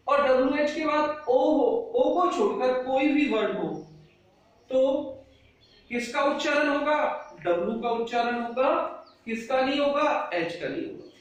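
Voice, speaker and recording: A man's voice: very high voice, a bit bright, distant mic. A man teaching English pronunciation, explaining rules step by step and asking the class questions he then answers himself. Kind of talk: pronunciation lesson. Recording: echoey room, mic set back.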